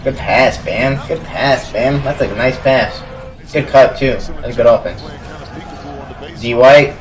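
A young man casually reacting to basketball highlights, talking to the players on screen in slangy chat and yelling at big plays. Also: slow pace, distant mic, a crowd in the background, poor audio. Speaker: sports reaction YouTuber. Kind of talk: live reaction commentary.

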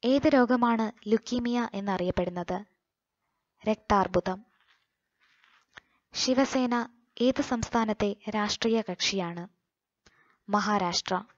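A Malayali woman reading quiz questions and their answers for exam coaching, in a slow, measured manner. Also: mid-range voice, no echo, highs cut off.

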